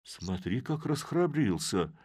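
A man's voice: on the low side, very animated, slow pace, darkish tone, no room sound, studio quality, exaggerated voice. A man voicing a sly, grumbling old Cossack man who mutters and scolds to himself in a storybook.

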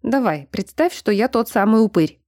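A woman doing a brash male bear shapeshifter who coaches and teases in a bossy, mocking way, his voice low-toned and mellow. The reading sounds dry and close, with no room around it. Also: animated, normal speed, dry recording. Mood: teasing. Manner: teasing, bossy.

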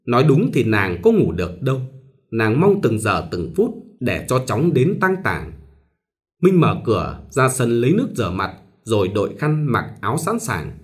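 A man reads a novel aloud as an audiobook, telling it expressively. His pitch moves a lot, rising and falling through the lines, at a middle register. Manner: expressive storytelling. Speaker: audiobook narrator. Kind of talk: scripted narration of a novel.

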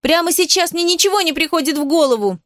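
A woman voicing an impulsive young girl in love, who talks loudly and shrilly. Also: lively intonation, quick pace, dry recording, studio quality. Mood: shrill indignant. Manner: loud, shrill and indignant.

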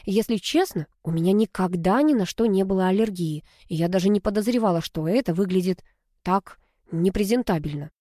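A woman narrating a first-person story as an audiobook, in a lively, expressive storytelling manner. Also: mid-range voice, a little fast, dry recording, studio quality.

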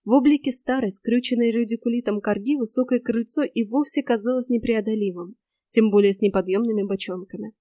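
Audiobook narrator: woman, fairly high voice, wry and lively, dry close mic. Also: fairly quick, dry recording. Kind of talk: first-person fantasy audiobook narration.

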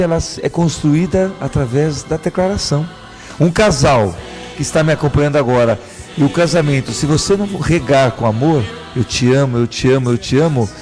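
A man's voice: on the high side, darkish tone. A Brazilian man, a priest hosting radio, preaching conversationally with emphatic, repeated phrases. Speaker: priest hosting a live religious radio show. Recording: music playing behind the voice. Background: music.

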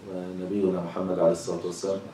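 Deep-voiced man teaching Quran commentary. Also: monotone, warm tone, a little hiss or hum. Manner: slow measured recitation of verses, then plain explanation. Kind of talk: tafsir lesson. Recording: echoey room, voice far from mic.

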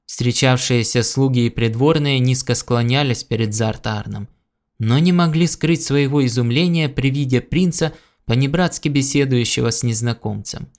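A man reading a science fiction audiobook in a steady, even storytelling manner. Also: medium pitch, normal speed. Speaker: audiobook reader. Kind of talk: scripted narration.

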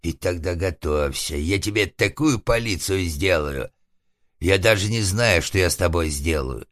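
Audiobook figure: a man playing a rough, foul-mouthed old organ grinder, raised and hard, in a dry close recording. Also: low voice, expressive, measured pace, a bit bright, dry recording. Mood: menacing. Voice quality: rough, threatening, coarse-spoken. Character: old male organ grinder, crude and vengeful.

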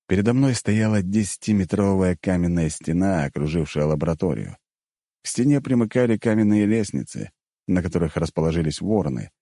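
A man narrating a first-person audiobook in a steady, even reading. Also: low voice, no echo, clean studio sound.

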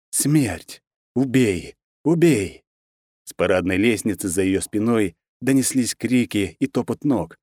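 Low-voiced male audiobook narrator. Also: darkish tone, no echo. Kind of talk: audiobook reading of a novel. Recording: dry, close sound.

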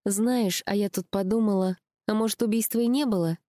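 A woman's voice: medium pitch, brisk, mellow, no echo, studio quality, pitched above the performer's own voice, natural voice. A woman reading an audiobook, voicing a talkative, teasing young female friend. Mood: musing. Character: chatty, nosy young woman friend on the phone.

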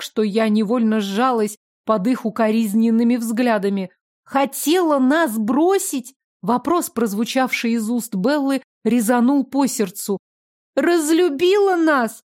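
A woman giving a measured, expressive first-person audiobook narration. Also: fairly high pitch.

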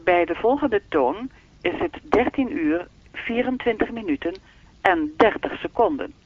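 At medium pitch, a woman plays a radio-play telephone time announcer, a lonely, evasive speaking-clock voice that acts on its own will. Measured and deadpan, her formal, automatic announcements give way to dialogue, heard through tinny, narrow phone-line audio.

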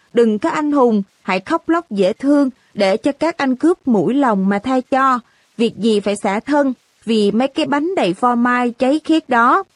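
A tearful teenage schoolgirl scolds her best friend through sobs, in a raised, girlish pitch, voiced by a woman. The storybook reading is close and dry. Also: no room sound, natural voice. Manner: sobbing, scolding.

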